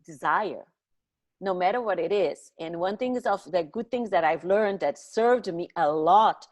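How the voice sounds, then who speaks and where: A middle-aged woman who speaks English as a second language, talking expressively and emphatically as a guest in a conversational podcast interview. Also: fairly low pitch. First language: not English.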